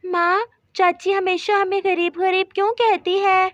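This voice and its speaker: A woman performs a hopeful little girl in a doll story, earnest and chatty, in a very high childlike voice. The recording is close and dry. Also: flat delivery, a little slow, no echo, muffled recording. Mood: puzzled. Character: young schoolgirl daughter, hopeful and chatty.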